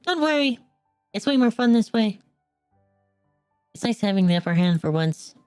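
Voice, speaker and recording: A man voicing a playful, teasing young woman in a high falsetto while reading game dialogue aloud. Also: sing-song, moderate pace, darkish tone, clean tone, no room sound, studio quality, soft background music.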